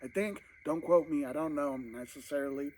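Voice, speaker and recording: A man's voice: a little high, moderate pace, a little mellow, slight background noise, poor audio. A man vlogging casually to camera while eating, rambling and talking with his mouth full, at home at night. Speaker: mukbang vlogger.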